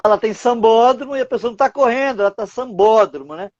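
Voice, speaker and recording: A man's voice: very high voice, fast, no echo, lo-fi sound. A man, a writer and teacher, explaining word origins as a guest on a live stream, posing rhetorical questions as he goes. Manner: didactic, asks rhetorical questions.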